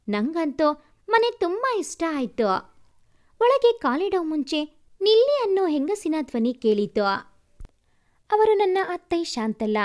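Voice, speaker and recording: A woman narrating a first-person family story, taking on the people's lines with a lively delivery. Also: high-pitched. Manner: lively, swings from tearful to scolding.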